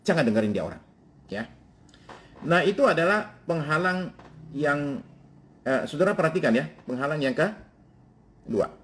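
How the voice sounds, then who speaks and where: A male pastor preaching a sermon, moving from formal scripture reading to casual slang asides. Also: mid-range voice.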